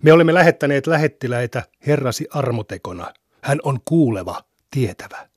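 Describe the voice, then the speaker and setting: Male reader, mid pitch, measured solemn scripture reading, dry studio sound. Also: husky, no echo. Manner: measured, even recitation.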